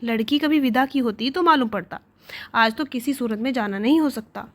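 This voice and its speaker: An indignant young wife, stubborn and complaining, with a fairly high voice, as a woman reading a story aloud puts her on. She protests in quick, aggrieved bursts.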